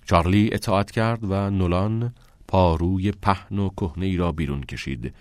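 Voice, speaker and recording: A man reading a novel aloud as an audiobook narrator in a steady, measured way. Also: low voice, no echo. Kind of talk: scripted narration.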